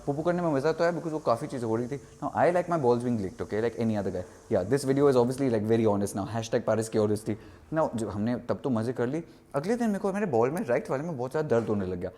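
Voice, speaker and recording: A young man talking casually in a vlog, animated, mixing Hindi and English and acting out quotes. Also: medium pitch, fairly quick. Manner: animated, mixes Hindi and English, exaggerated quoting. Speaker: vlogger.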